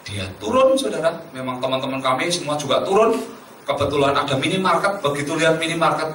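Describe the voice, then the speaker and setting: A man's voice: a little high, expressive, quick pace, fairly bright tone. A man preaching a sermon, telling a testimony story and calling his listeners "saudara" again and again. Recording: echoey room from far off, faint noise.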